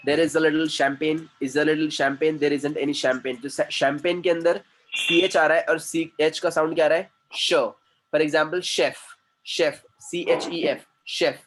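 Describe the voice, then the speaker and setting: Slow man teaching grammar. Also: on the high side, fairly even intonation, a bit bright. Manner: slow, repeats words for students to echo. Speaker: communication trainer. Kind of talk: English grammar class in Hindi.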